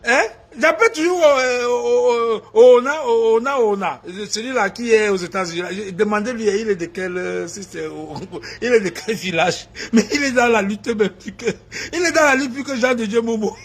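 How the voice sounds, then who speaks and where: Guy doing a live video for supporters, laughs a lot, mixes in pidgin english, raspy high voice. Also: normal speed. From Cameroon. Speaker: activist addressing supporters. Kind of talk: casual live video address.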